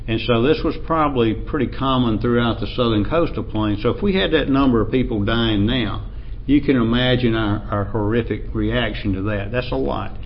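A male lecturer speaks with an Appalachian American accent in an informal academic style. His delivery is measured and somewhat halting, broken up by throat-clearing. The recording is dull and lo-fi, with faint noise behind him. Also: mid-range voice. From Appalachian United States.

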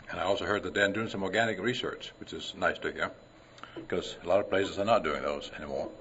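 An older man from Denmark giving a conference talk, clearing his throat often and mixing science with folksy anecdotes. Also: sits low, fairly quick, a bit bright, slight background noise. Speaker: conference presenter. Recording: dull lo-fi recording.

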